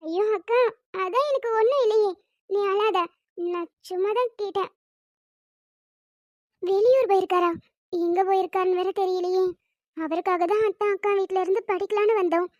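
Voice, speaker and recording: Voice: very high voice, moderate pace, long pauses, no echo, highs cut off. A performer doing a chatty teenage younger sister. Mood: curious. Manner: bright, chatty, playfully insistent.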